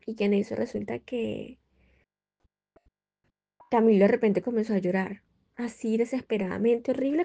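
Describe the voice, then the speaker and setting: A woman's voice: mid-range voice, creaky, mellow, dry recording. A woman casually telling a family anecdote, rambling with many restarts. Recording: dull lo-fi dry recording.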